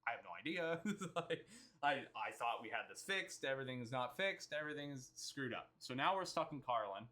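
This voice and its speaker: A man's voice: medium pitch, animated, brisk, sharp tone. A man recapping a trip in casual, rambling storytelling, often quoting himself and others. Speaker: vlogger.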